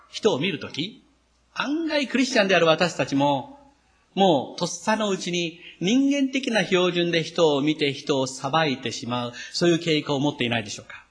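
Husky-voiced man preaching a sermon. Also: on the high side. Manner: emphatic preaching with dramatic acted quotes. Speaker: pastor.

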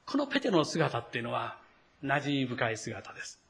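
Bright-voiced male pastor preaching. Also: mid-range voice, huge pitch swings, fairly quick, gravelly. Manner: acts out the quoted lines; speaks to the congregation directly. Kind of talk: sermon.

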